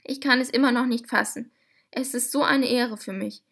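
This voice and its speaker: A woman's voice: a little high, fairly even intonation, moderate pace, creaky, a bit bright. A woman voicing a gushing little inventor man. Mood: overjoyed. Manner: gushing, effusive and polite. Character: small excitable bald male inventor, overjoyed.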